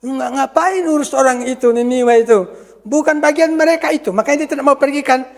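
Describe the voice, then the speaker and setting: A man's voice: very high-pitched, a little fast. A man preaching a sermon as pastor, often asking the congregation questions and pressing his points with emphasis. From Indonesia. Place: church hall. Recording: church hall reverb.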